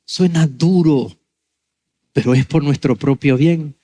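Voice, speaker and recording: A male pastor giving a sermon, telling a story with lively acted-out dialogue. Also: fairly high pitch, takes it slowly. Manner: animated storytelling, acts out dialogue.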